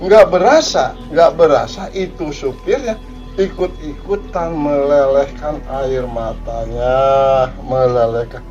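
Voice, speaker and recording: A man's voice: a little high, darkish tone. Man telling a story casually. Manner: repetitive, emotive, drawn-out phrases. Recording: dull lo-fi recording with faint music.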